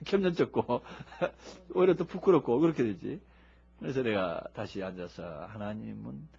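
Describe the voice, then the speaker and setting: A man preaching a sermon in a lively, humorous way, acting out people who shout as they pray. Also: medium pitch, gravelly, slightly rough. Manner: animated, humorous, acts out shouting worshippers. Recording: dull lo-fi recording.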